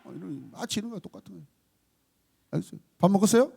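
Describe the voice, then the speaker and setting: A male pastor from South Korea delivers a night sermon in a bright, high voice. His pitch leaps up and down as he throws questions to the congregation. Now and then he bursts into a scolding tone. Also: expressive, very fast, gravelly, slightly rough. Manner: calls and responses to the congregation, acts out scolding voices. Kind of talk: sermon at a Friday night service.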